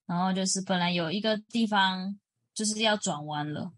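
A woman's voice: mid-range voice, normal speed, fairly bright tone, no echo. Casting: woman, podcast co-host, chatty storyteller, dry close mic. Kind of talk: casual chat.

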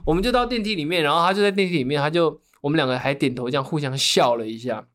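A man with a Taiwanese accent and a somewhat high-pitched voice. He talks like a podcast co-host swapping stories with a friend, casual and animated in his telling. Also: racing. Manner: chuckles while telling stories.

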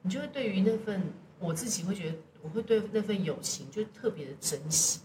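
A woman with a Taiwanese Mandarin accent chats casually on a podcast, telling things in an animated, colloquial way. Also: mid-range voice, fairly quick. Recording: roomy echo, distant mic, noisy background.

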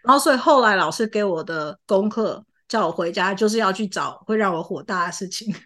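A woman's voice: mid-range voice, fairly quick, a bit bright. A young woman hosting a casual chat podcast, laughing often as she tells a story and acts out the people she quotes. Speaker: podcast host. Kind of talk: casual chat between friends.

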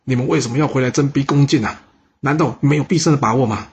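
A man's voice: mid-range voice, fast talker, husky, highs cut off, pitched above the performer's own voice. A man voicing a proud ancient king who scolds his generals in anger. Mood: furious scolding. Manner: shouting angrily, scolding.

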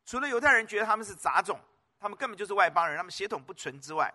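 A male pastor preaches in a high, bright voice that swoops up and down, animated and racing. He drives his points hard, repeats words, and keeps questioning the congregation.

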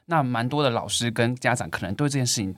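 A man, a teacher co-hosting a casual podcast chat, telling lively stories and laughing often. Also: medium pitch, fast, dry recording. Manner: animated storyteller, laughs often. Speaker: elementary school teacher, co-host.

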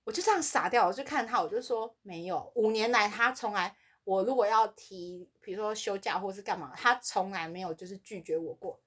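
A woman co-hosting a podcast, telling a workplace story in casual chat and acting out the other people's lines with big swings in her voice. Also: a little fast. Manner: animated, acts out quoted voices with big pitch swings. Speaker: podcast co-host.

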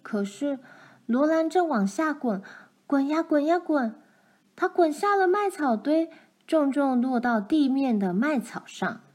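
A woman reading a children's storybook chapter aloud, gentle and expressive. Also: sits high, measured pace.

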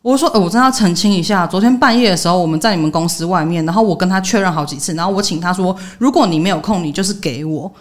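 A woman's voice: lowish voice, very fast, hardly any pauses. A young woman, venting in casual podcast chat and acting out the people she quotes. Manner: animated storytelling, acting out quoted dialogue. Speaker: podcast co-host.

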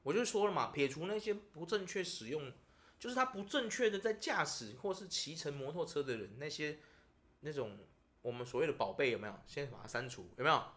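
Animated Taiwanese-accented male podcast host. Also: on the high side, brisk. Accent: Taiwanese Mandarin. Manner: animated, ranting storyteller. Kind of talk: casual chat.

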